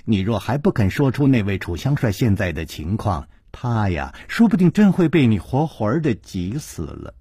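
A storyteller voicing a composed young woman who speaks calmly with light mockery. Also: on the low side, moderate pace, hardly any pauses, husky, dry recording, studio quality, heavily acted. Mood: amused.

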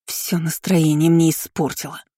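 A woman's voice: deep voice, level tone, unhurried, mellow, no room sound, clean studio sound. A woman reading an audiobook voices a spiteful, haughty young noblewoman who speaks with open contempt. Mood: sneering. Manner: sneering, contemptuous. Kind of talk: audiobook character voicing.

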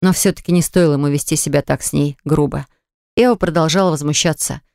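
Smooth-voiced male audiobook narrator. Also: fairly high pitch, steady tone, quick pace, darkish tone, no echo. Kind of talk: scripted narration. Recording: dry close studio recording.

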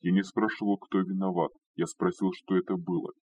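Man doing a young lord, loud, urgent, deep, muffled far-off recording. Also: flat delivery, a little fast, husky. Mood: stern, probing. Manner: shouting, urgent. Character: young male lord, shaken and commanding. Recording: distant, dull lo-fi recording.

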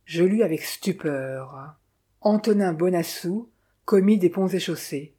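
A woman reading a mystery novel aloud in measured, dramatic first-person narration. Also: on the low side, dark tone, slightly rough. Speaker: audiobook narrator.

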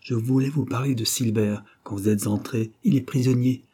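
A man voicing a grave, worried male doctor in an audiobook reading, sober and measured. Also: mid-range voice, steady tone, dark tone, slightly rough, lightly acted.

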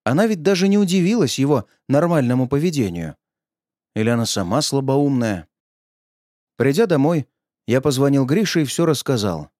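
A man narrating an audiobook in a lively, expressive reading. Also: mid-range voice, normal speed, no echo, studio quality.

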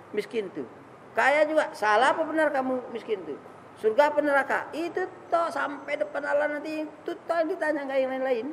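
A man with a gravelly voice gives a loose, joking sermon to his study group, laughing as he goes. The hall carries a long echo, and a faint noise hangs behind him. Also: very high-pitched. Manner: chatty, teasing, laughs often, sings verse endings. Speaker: ustaz leading a Quran study. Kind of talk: informal sermon with Quran recitation. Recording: echoey hall, noisy.

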